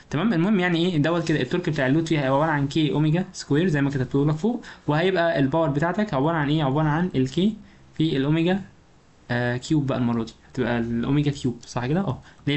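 A man's voice: fairly high pitch, darkish tone. A man with an Egyptian Arabic accent giving an informal engineering lecture, often asking rhetorical questions and checking that the student follows. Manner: informal, talks directly to the student. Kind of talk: recorded lecture explanation.

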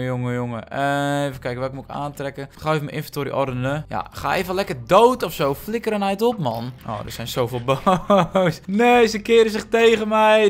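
A young man narrating his own Minecraft play, chatty, breaking into loud outbursts when things go wrong. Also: a little high. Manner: chatty, reacts loudly to surprises. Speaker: gaming video host. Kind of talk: Minecraft let's play commentary.

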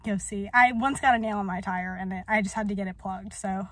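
A woman's voice: medium pitch, fairly even intonation, a little fast, a bit bright. A young adult woman vlogging in a rambling, chatty way, full of fillers. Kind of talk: casual chat.

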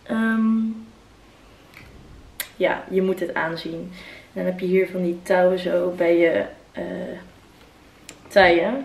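A woman's voice: lowish voice, slow pace, long pauses, rough recording. Chatty young woman vlogging at home. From Netherlands. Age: 20s. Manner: chatty, excitable, mixes in English phrases. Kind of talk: casual vlog chat. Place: bedroom at home, indoors. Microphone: handheld camera close up.

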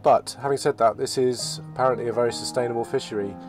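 A man narrating his sailing vlog in a relaxed, reflective voice-over, often restarting his phrases. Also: mid-range voice, fast. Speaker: sailing vlogger. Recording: voice-over with loud music behind.

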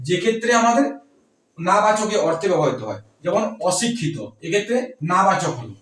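A man teaching pronunciation rules, asking rhetorical questions and repeating words slowly. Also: high-pitched, sing-song, fairly bright tone, far from the mic. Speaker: Bengali grammar teacher. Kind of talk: explaining pronunciation rules to students. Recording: echoey room, voice from off-mic.

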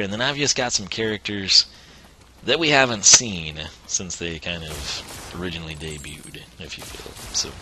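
A man's voice: low voice, sharp tone, a little hiss or hum. A man streaming a video game who is losing his voice, chatting casually and chuckling as he plays. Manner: chatty, rambling, chuckles often. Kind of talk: casual let's-play commentary.

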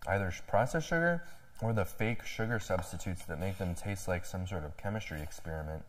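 A man's voice: sits low, a little fast. A man hosting a vegan cooking show, chatting casually and explaining each step as he cooks. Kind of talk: casual cooking demo chat.

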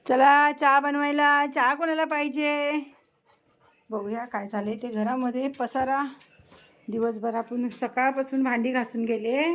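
A woman with a Marathi accent, casually chatting to her pets at home in coaxing baby talk during a vlog. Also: high voice. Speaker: vlogger talking to her pets.

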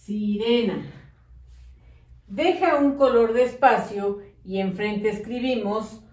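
A woman teaching a slow early-literacy lesson, drawing out syllables and coaxing children to follow along. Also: mid-range voice, a little mellow. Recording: echoey room, mic at a distance.

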